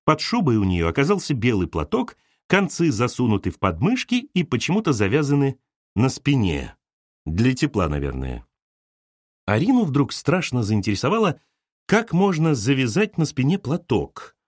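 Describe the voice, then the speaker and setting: Lively man reading an audiobook. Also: medium pitch, moderate pace, no room sound, studio quality. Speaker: audiobook narrator.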